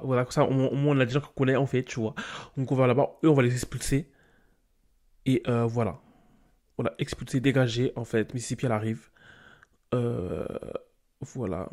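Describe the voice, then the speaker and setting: Young man, gaming commentary, mellow voice, animated, slangy. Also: medium pitch. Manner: animated, scolding his game characters with slang. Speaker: gaming YouTuber. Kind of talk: casual game commentary.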